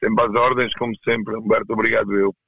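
A man with a European Portuguese accent answering as a coach in a casual interview, halting and repeating words as he goes. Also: fairly low pitch, flat delivery, vocal fry, husky, dry recording, narrow, tinny audio. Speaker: roller hockey coach, interview guest.

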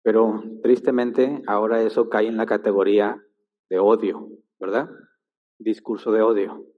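A man's voice: on the low side, level tone, moderate pace. A man preaching a sermon, emphatic and full of rhetorical questions. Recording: long-reverb hall, dull lo-fi sound.

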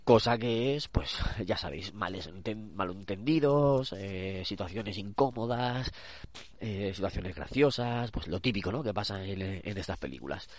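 A man's voice: lowish voice, expressive, normal speed. Nasal, congested Castilian Spanish man. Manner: rambling, hesitant, self-correcting. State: stuffed-up with a cold. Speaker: podcast host. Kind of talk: casual chatty podcast recommendation. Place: out walking a dog.

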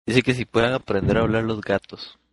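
A man chatting on a casual podcast, speaking in a halting, hesitant way. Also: fairly low pitch, steady tone, a little hiss or hum. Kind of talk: casual chat.

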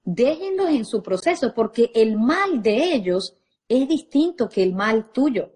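A woman's voice: fairly high pitch, big pitch swings, unhurried, darkish tone, husky. A woman parenting coach, speaking expressively and directly to a live audience.

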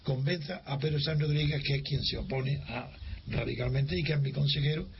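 Older man, from Spain, gravelly voice, storytelling interview, acts out the dialogue, faint hiss. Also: medium pitch, fairly quick. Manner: lively storyteller who acts out dialogue, with frequent restarts. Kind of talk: recounting a personal memory. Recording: dull lo-fi recording with faint hiss.

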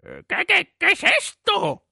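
Bumbling storybook thief, gravelly and stammering, slow with wild pitch swings. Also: male voice, wildly swooping pitch, pushed and bright, no echo, clean studio sound, heavily acted. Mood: startled. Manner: stammering, hesitant. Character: bumbling nervous male thief.

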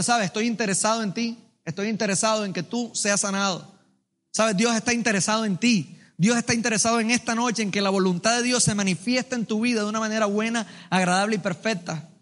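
Man, preacher, high-pitched, bright voice, sermon, congregation call-and-response, long church-hall reverb. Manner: energetic, calls the congregation to answer back; joking, colloquial asides.

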